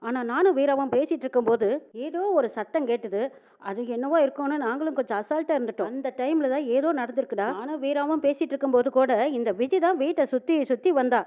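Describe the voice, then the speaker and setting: A woman's voice: high voice, fast talker, phone-quality sound, close to an everyday voice. A woman voicing a suspicious young man who talks urgently and accuses.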